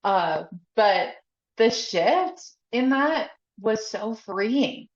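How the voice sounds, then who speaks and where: A faith coach appears as a guest on a podcast, speaking candidly in a casual interview, laughing often and using "like" a lot. Her voice is fairly high with lively intonation, and she talks extremely slowly. The podcast audio is echoey and a bit dull.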